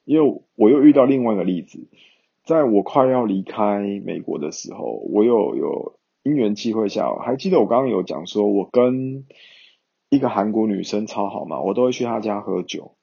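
A man's voice: fairly low pitch, expressive, normal speed, vocal fry, mellow, slightly rough, highs cut off. A young man, chatting casually to viewers in a rambling way with many fillers. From Taiwan.

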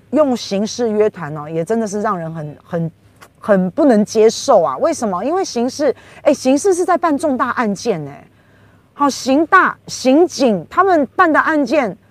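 A woman's voice: high-pitched, a bit bright, no room sound. Indignant Taiwanese woman podcast host. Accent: Taiwanese Mandarin. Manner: emphatic, indignant, full of rhetorical questions. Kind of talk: political commentary monologue.

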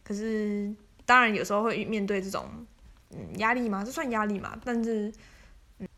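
A woman's voice: medium pitch, sing-song, moderate pace, sharp tone. A woman, casually telling stories as a podcast host, chatty and laughing often. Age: 20s. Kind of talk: casual storytelling monologue.

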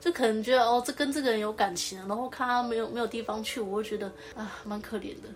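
A woman co-hosting a podcast in casual chat, asking quick teasing questions. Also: a little high, faint music behind. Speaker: podcast co-host.

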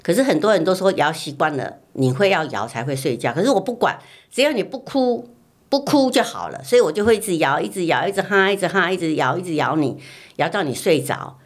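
A woman's voice: lowish voice, brisk. A middle-aged mother, chatting casually and repeating words as she tells a story. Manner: animated storytelling, repeats words, acts out her own past lines. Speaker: mother recalling her child's infancy. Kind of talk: casual family chat.

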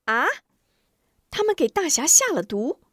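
A woman voicing a worried widowed mother who scolds her son in a hushed voice. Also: mid-range voice, very animated, moderate pace, no room sound, studio quality. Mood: hushed worry.

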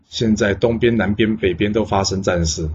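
A man's voice: lowish voice, fairly even intonation, normal speed, a little mellow, breathy edge, muffled recording. A man voicing a loyal male court official who pleads urgently. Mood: pleading.

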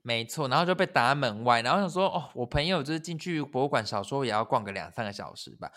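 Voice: mid-range voice, expressive, a bit bright. A podcast co-host, chatting casually, teasing the other host and telling a funny story. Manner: quick, chatty, teasing, laughs easily.

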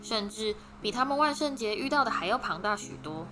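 Female audiobook reader, steady dramatic delivery, mid pitch, music bed. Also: fairly quick. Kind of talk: storybook narration. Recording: background music.

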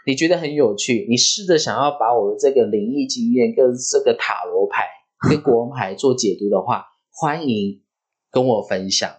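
Husky man telling a story. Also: mid-range voice, moderate pace. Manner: animated, vivid storytelling. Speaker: podcast host. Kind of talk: casual podcast storytelling.

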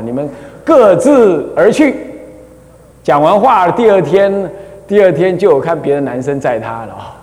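Chatty Taiwanese monk lecturing in a reverberant hall. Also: male voice, a little high, a little mellow. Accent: Taiwanese Mandarin. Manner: chatty, keeps asking rhetorical "isn't it so?"; laughs at his own stories. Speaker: Buddhist abbot and dharma teacher. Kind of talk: casual dharma lecture.

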